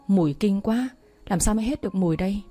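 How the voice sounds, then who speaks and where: Woman doing a clumsy young woman, flustered, warm husky voice. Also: mid-range voice, fast talker, faint music behind, close to an everyday voice. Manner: flustered, pleading. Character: clumsy, eager young woman company director.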